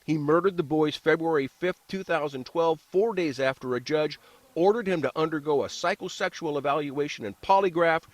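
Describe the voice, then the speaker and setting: A man's voice: fairly high pitch, moderate pace, no room sound. A man reporting the news for television in a scripted broadcast style. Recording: faint background noise.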